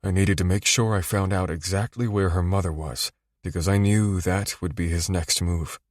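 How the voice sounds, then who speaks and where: A man narrating a romance audiobook in the first person, with low, steady, intimate storytelling. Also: moderate pace, dry recording, clean studio sound.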